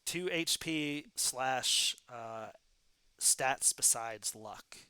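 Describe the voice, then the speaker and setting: A man narrating as game master in a relaxed way, with many pauses and fillers. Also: mid-range voice, clear, resonant tone, no room sound. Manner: relaxed, lots of fillers and laughs.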